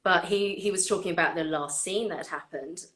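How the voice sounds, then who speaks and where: A woman hosting a casual chat, animated and laughing often as she tells stories. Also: on the low side, fairly quick. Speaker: orchestra violinist and host.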